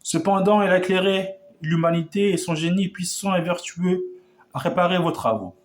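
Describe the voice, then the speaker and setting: A man's voice: high-pitched, normal speed. A man declaiming a historic revolutionary speech in an oratorical manner, often stumbling and restarting his words.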